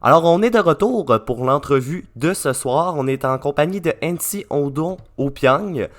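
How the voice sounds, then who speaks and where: A man's voice: on the high side, lively intonation, moderate pace. A man with a Québécois French accent hosting a radio show, talking casually with many fillers and restarts. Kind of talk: casual radio talk and interview.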